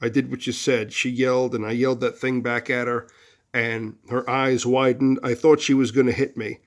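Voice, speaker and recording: A man talks through casual relationship advice in a mid-pitched voice, rambling with fillers and restarts. When he acts out angry lines, his voice jumps loud and high. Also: flat delivery, normal speed. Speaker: host of a relationship advice video series. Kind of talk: casual advice monologue with storytelling.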